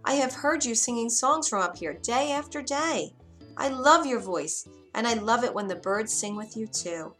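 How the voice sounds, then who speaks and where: Woman reading as a gentle young storybook prince. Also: on the high side, animated, moderate pace, soft background music, pitched above the performer's own voice. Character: kind, reassuring young prince.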